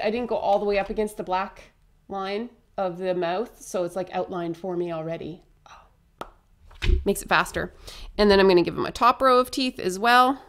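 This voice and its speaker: A young woman chatting her way through a face painting tutorial, upbeat and a little hoarse. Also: mid-range voice, a bit bright. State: slightly hoarse.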